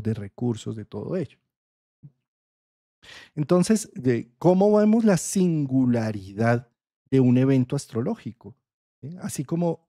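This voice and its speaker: A man's voice: mid-range voice, warm tone, dry recording, clean studio sound. A man from Colombia with a Colombian accent, explaining astrology in a conversational lesson and checking in often with his listeners. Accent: Colombian Spanish. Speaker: astrology teacher.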